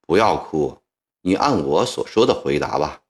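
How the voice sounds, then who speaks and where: A man voicing a measured elderly Qing viceroy. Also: lowish voice, big pitch swings. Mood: grave, coaxing. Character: stern elderly male Qing viceroy, judge.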